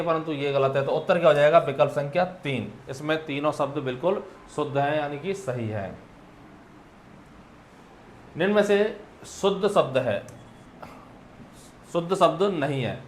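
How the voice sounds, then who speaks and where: A male teacher explaining an exam solution, putting questions to the class and answering them himself, clearing his throat now and then. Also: medium pitch, roomy sound, a little hiss or hum.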